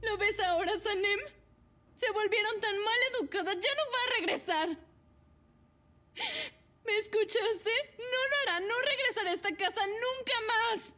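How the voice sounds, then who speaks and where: Una actriz de doblaje que interpreta a una joven mimada e indignada que llora de rabia. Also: female voice, moderate pace, sharp tone, soft background music. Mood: tearful fury. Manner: shrill, indignant. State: crying. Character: spoiled young woman, furious and tearful. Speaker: daughter. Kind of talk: dubbed drama.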